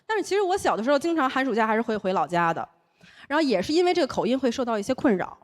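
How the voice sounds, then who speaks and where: A young woman from Taiwan who speaks with a Beijing accent, doing an animated stand-up comedy set on a stage and slipping into other people's voices. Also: fairly high pitch, racing. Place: comedy stage before a live audience.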